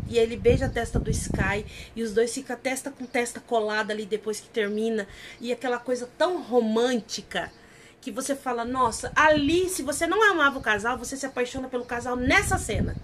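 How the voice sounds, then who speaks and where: A woman's voice: fairly high pitch, slight background noise. Effusive woman retelling scenes. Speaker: channel host reviewing series. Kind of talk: casual video review.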